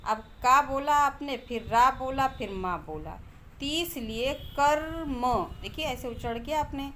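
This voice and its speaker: Woman teacher, high voice, patient, repeats each point, light hiss behind. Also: lively intonation, moderate pace, a bit bright. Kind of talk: explaining a grammar lesson.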